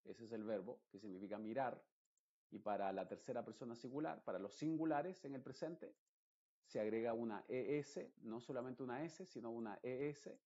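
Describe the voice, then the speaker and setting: A man, teaching English pronunciation in an explanatory lesson and repeating example words slowly and carefully. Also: medium pitch, dark tone. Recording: dull lo-fi recording.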